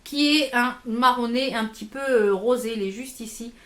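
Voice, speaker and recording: A woman's voice: on the high side, normal speed, reverberant. A woman chatting casually through a beauty haul, with many fillers and restarts. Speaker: beauty vlogger. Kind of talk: casual haul video chat.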